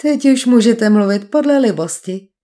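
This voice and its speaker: A woman's voice: a little high, dark tone, lightly acted. A woman voicing a suave male villain posing as a duke, speaking with polite, mocking menace in an audiobook. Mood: gloating. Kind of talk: audiobook character voice.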